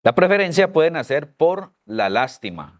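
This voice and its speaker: A man's voice: on the high side, big pitch swings, unhurried. A middle-aged man co-teaching a church parenting class, telling personal stories emphatically. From Colombia. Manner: storytelling, emphatic.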